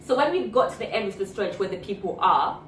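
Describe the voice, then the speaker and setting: A young woman vlogger telling a story in casual chat, animated and swearing freely as she acts out what people said. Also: medium pitch, fast. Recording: echoey room, far from mic, faint hiss.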